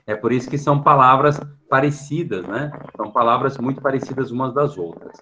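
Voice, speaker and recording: The medium-pitched voice is bright and forceful, belonging to a Brazilian man with a Brazilian Portuguese accent teaching an online class for middle schoolers. He explains with patience, checks on students after almost every phrase, and fills gaps with a questioning tag. Audio is poor, with slight background noise, from a computer mic on a video call.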